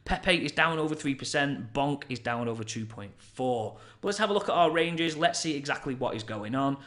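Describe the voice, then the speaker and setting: A man's voice: medium pitch, animated, moderate pace, fairly bright tone. A man hosting a chatty crypto news roundup, upbeat and hyping each story.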